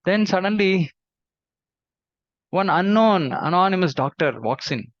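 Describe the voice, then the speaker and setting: Male storyteller, lively and slightly high, dry muffled sound. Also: a little slow, no room sound. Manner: animated, acts out the characters' quoted lines. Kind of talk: devotional storytelling. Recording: dull, dry low-fidelity recording.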